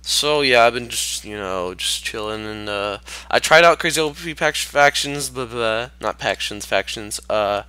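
Bright-voiced man, slightly sick, gaming commentary. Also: mid-range voice, lively intonation, a little slow, hardly any pauses, clear, resonant tone, no room sound. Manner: rambling, talks to himself while playing. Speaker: gaming channel host. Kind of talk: casual gameplay commentary.

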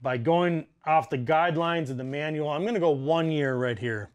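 In a basement utility room, a plumber in his forties casually talks through an installation step by step, practical and thinking aloud. His voice is on the high side and clean, at a moderate pace, in the style of a relaxed how-to demonstration.

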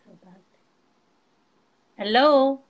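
A woman's voice: sits high, extremely slow, lo-fi sound. A woman in her forties from Morocco, talking hesitantly as a caller while her video call audio breaks up and drops out. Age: 40s. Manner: hesitant, careful English. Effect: video call audio breaking up and dropping out. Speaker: guest caller on a live lesson.

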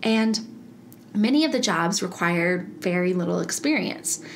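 A woman's voice: on the low side, expressive, unhurried, gravelly, slight background noise. Bubbly chatty woman podcast host. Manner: bubbly, chatty, laughs often. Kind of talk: casual solo podcast.

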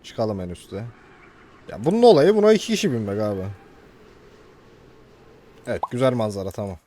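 A young man commentating casually on a video game he plays, excitable and joking with his viewers. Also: on the low side, moderate pace. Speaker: gaming youtuber. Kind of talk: casual let's-play commentary.

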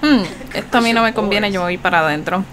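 A woman giving casual, chatty commentary over her gameplay, reacting with animated exclamations. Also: medium pitch, fast, crowd noise. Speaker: gaming channel host.

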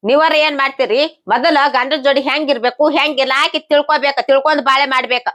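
A woman with a North Karnataka Kannada accent playing a sharp-tongued wife who argues and scolds in a quarrel. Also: high voice, fairly even intonation, quick pace. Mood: arguing. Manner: argumentative, defensive, scolding. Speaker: wife in a comedy skit.

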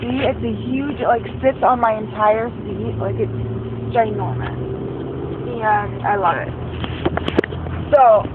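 A woman's voice: fairly high pitch, fairly even intonation, takes it slowly, pauses often. A young woman chatting casually to her phone camera while driving, rambling with lots of ums and likes. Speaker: vlogger. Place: inside a car. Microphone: phone held at arm's length. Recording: tinny phone audio with loud road noise. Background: car and traffic noise.

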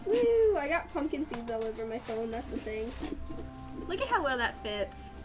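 Woman, high voice, giggly, chatty, self-mocking, background music. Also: big pitch swings, moderate pace. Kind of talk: casual chat while carving pumpkins.

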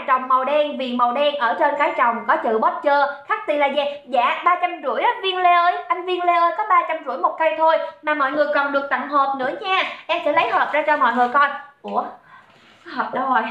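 This livestream seller is a young woman from Saigon with a Southern Vietnamese accent, bantering with viewers, joking, and greeting them by name. Her voice is high and she talks quickly. The recording has a roomy echo and the high frequencies are cut off.

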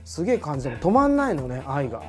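Chatty guy hosting, talks fast, voice jumps all over, keeps laughing. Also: a little high, music in the background. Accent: Japanese. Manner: lively, laughing, rambling storyteller. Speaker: host. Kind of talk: casual chat.

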